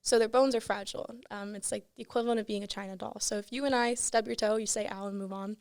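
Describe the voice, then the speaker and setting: Telling her own story as a podcast guest, a teenage girl speaks quickly in a mid-range, slightly mellow voice with fairly even intonation. She's earnest and casual, often saying "like" and "you know," and the studio sound is clean without echo.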